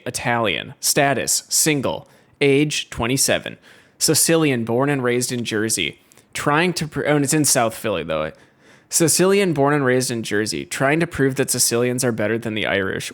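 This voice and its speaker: A male streamer with an animated, swooping voice. He talks in a relaxed, joking way and reads things aloud with amused emphasis. It sounds like easy banter on a livestream. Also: mid-range voice. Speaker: streaming co-host. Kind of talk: casual stream chat.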